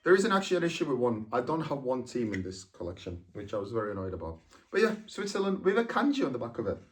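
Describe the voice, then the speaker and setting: A man's voice: medium pitch, big pitch swings, quick pace, distant mic. Rambling young man, a bit off-mic. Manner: rambling, lots of fillers and self-corrections. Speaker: football vlogger. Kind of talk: casual chat.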